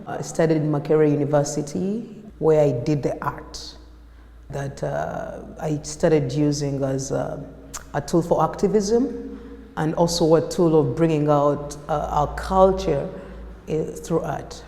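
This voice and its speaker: A woman in her thirties with a Ugandan accent, an artist recalling her life story in a reflective, unscripted interview, pausing and restarting often. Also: low voice, warm tone. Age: 30s. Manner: reflective, with frequent fillers and restarts. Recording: echoey room with long reverb.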